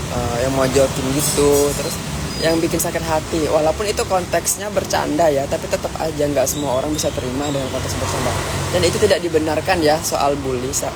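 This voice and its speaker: A nineteen-year-old from Jambi, Indonesia, being interviewed and giving a rambling, earnest motivational talk full of fillers and restarts. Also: medium pitch. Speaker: street interviewee. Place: outdoors on a city street. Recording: loud street traffic noise.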